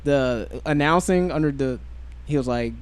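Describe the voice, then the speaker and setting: A man's voice: mid-range voice, moderate pace, clean tone. A young man chatting casually on a podcast, telling stories with playful impressions. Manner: laid-back storyteller, slips into playful impressions. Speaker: podcast co-host. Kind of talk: casual chat.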